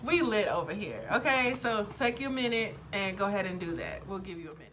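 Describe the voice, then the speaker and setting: A woman's voice: mid-range voice, lively intonation, brisk, noisy background. A woman in her thirties chatting casually to camera as a vlogger, upbeat and full of fillers. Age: 30s. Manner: upbeat, chatty, lots of ums.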